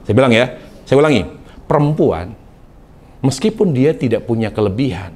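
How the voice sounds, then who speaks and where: A male preacher tells a story to his congregation in loose, everyday speech. His pitch swings widely as he acts out the people in it. His voice sits at a middle pitch for a man. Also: normal speed. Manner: animated, colloquial, acts out quotes. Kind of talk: storytelling sermon.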